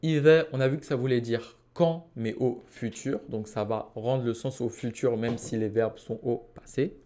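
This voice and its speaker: A man's voice: mid-range voice, steady tone, warm tone. Man teaching Arabic verse by verse. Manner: patient explaining, reciting Arabic phrases slowly. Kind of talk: Quranic Arabic lesson.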